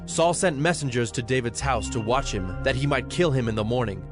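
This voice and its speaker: As narrator of a dramatized audio production, a man reads scripture from a script at a brisk clip in a medium-pitched voice. Music plays beneath his narration.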